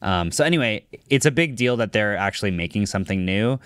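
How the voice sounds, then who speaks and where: Deep-voiced relaxed male podcast co-host. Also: quick pace, no echo, clean studio sound. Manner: relaxed, laughs often. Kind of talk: casual chat.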